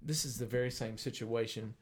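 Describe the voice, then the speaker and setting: Older man, earnest conversational preacher. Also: medium pitch. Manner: earnest, storytelling, slows down for emphasis.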